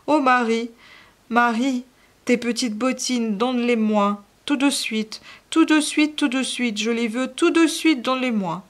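Fawning, obsessive older gentleman, read by a woman, pitched up, pressing and wheedling. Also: animated, moderate pace, lightly acted. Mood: pleading. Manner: coaxing, insistent, rising to pleading. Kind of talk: audiobook reading.

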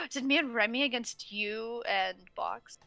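Speaking English as a non-native language, a Russian stream host chats casually and walks her friends through a game's menus. Her voice is a little high and slightly slow, creaky and sharp, with lively intonation over soft background music.

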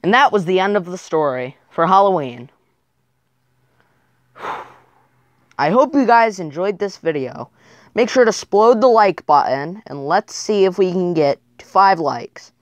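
A woman's voice: on the low side, lively intonation, unhurried, long pauses, no room sound. A woman narrating her own amateur plush-toy puppet show.

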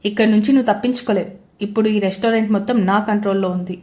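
A woman's voice: fairly high pitch, expressive, moderate pace, darkish tone, natural voice. A woman voicing an arrogant, domineering young husband who speaks in curt commands. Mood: angry.

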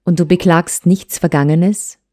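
A woman voicing a hurt young wife who pleads and reproaches her husband with urgency, in a mellow tone. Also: lowish voice, fairly even intonation, unhurried. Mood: questioning.

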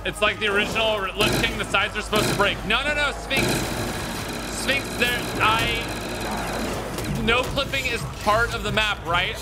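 A young man gives casual, excited gameplay commentary. His voice sits high and he jokes and repeats himself as he goes. He is close on the mic with loud game music underneath. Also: moderate pace. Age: young adult. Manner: animated, joking, repeats phrases. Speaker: game streamer. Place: small room at home.

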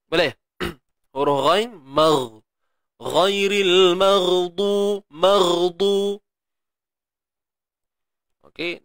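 A man with a Malaysian Malay accent teaching Quran recitation in an online class, chanting examples slowly and explaining in between. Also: medium pitch, fairly bright tone, dry recording, studio quality. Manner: demonstrates pronunciation repeatedly, light laughs.

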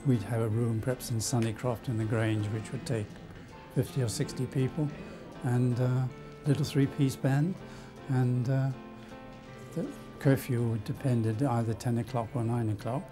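An older man recalling his youth in an unhurried, storytelling manner, pausing now and then. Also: medium pitch, little pitch movement, over music. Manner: measured storytelling with small pauses. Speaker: interviewee recalling wartime occupation. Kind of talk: reminiscing testimony.

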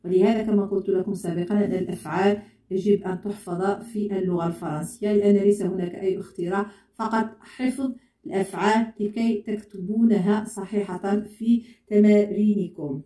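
A woman teaching French grammar in a bilingual lesson, speaking slowly and repeating words and spelled letters aloud. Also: mid-range voice, fairly even intonation, dark tone, echoey room, far from the mic.

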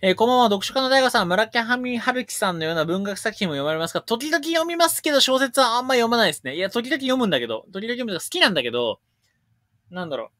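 Here a man with an extremely high voice runs a casual chat Q&A on his livestream, answering viewers' questions at rapid speed. He is lively, blunt and joking, and the studio sound is clean with no room echo.

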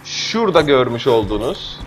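A man's voice: medium pitch, big pitch swings, moderate pace. A man hosting a gaming channel, giving rambling, self-joking commentary while he plays. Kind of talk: casual let's-play commentary. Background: game audio and music.

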